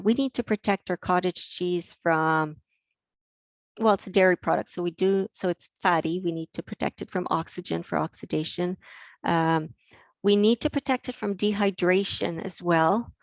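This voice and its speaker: A woman's voice: on the low side, no room sound. Enthusiastic woman lecturing, dry sound. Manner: enthusiastic, frequent fillers and restarts. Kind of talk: live online mini-lecture.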